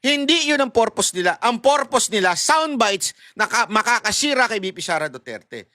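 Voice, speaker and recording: Middle-aged vlogger from Manila, loud high voice, chatty and animated, dry close sound. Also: male voice, moderate pace, no echo. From Manila, Philippines. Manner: animated and chatty, laughs at his own asides. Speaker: political commentary vlogger. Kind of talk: casual political commentary.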